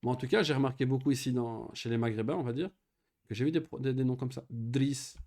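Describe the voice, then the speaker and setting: A man giving a one-on-one Arabic grammar lesson, patient and explaining step by step, saying Arabic words slowly and often checking that his student follows. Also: medium pitch, a little mellow. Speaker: Arabic teacher.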